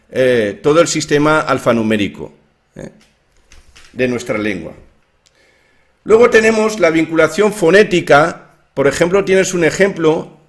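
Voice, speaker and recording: A man's voice: fairly high pitch, fairly bright tone. A man explaining his own theory of language in an informal lecture, with many fillers and restarts.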